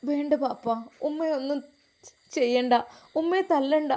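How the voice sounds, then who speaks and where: A hurt young wife answers timidly and defends herself, played by a woman storyteller. Her voice is fairly high and soft. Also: a little slow. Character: hurt young married daughter.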